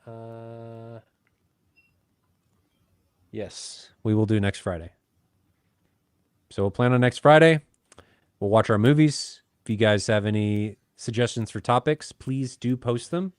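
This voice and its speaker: A man's voice: mid-range voice, slow pace, long pauses, clean tone, dry recording, studio quality. A man co-hosting a casual podcast, chatty and joking, poking fun at himself. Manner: chatty, joking, self-deprecating. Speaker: podcast co-host. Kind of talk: casual chat.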